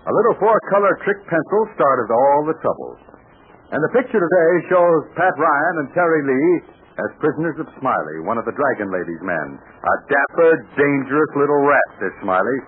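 A man's voice: moderate pace, a little hiss or hum. Man announcing on a tinny 1940s radio recording. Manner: emphatic, animated sales pitch to children. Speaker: announcer and narrator.

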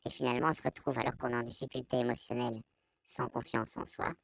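A man with a Belgian French accent giving a hesitant, explanatory testimony, his voice artificially pitched down to disguise it. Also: fairly even intonation, quick pace, vocal fry, a bit bright, no echo. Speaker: anonymous interviewee giving testimony. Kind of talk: personal testimony in an interview.

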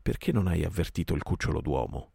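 A man's voice: rumbling low, animated, fast talker, vocal fry, warm tone, husky, no echo, clean studio sound, full character voice. A man voicing a proud, furious female panther who scolds her companion in an audiobook reading. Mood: scolding.

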